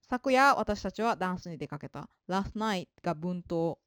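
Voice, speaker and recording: A woman giving a polite, explanatory spoken lesson on English, slowing down to read out example sentences. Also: lowish voice, animated, fairly bright tone, clear, resonant tone, no room sound, studio quality. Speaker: English teacher.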